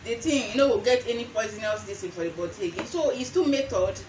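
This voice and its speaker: A woman's voice: a little high, lively intonation, fast, a little mellow, slight background noise, poor audio. A young adult woman with a Nigerian accent gives an informal how-to demonstration, slipping into Pidgin phrasing and repeating phrases for emphasis. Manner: slips between English and Pidgin phrasing. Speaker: herbal remedy seller and vlogger.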